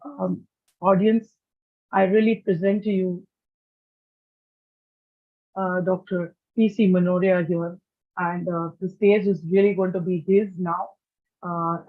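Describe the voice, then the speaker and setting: Awards host reading out a long honours list, kinda halting, flat delivery, sounds like a phone line. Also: medium pitch. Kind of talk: formal stage introduction.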